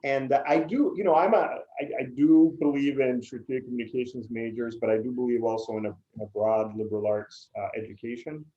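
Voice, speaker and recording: A man from Puerto Rico, a native Spanish speaker, answering interview questions thoughtfully with many filler pauses. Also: mid-range voice, steady tone, mellow, dull audio. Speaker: interview guest, PR agency CEO.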